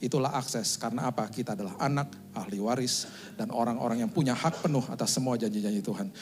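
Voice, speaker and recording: A male pastor giving a sermon testimony, telling his story in a lively way and acting out the dialogue. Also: mid-range voice, quick pace.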